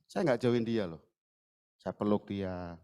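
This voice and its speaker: A man's voice: lowish voice, measured pace, clear, resonant tone. A middle-aged man, a pastor, preaching at a church service and telling a personal story with acted-out dialogue. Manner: lively storyteller, acts out dialogue in raised voices. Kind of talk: sermon with storytelling.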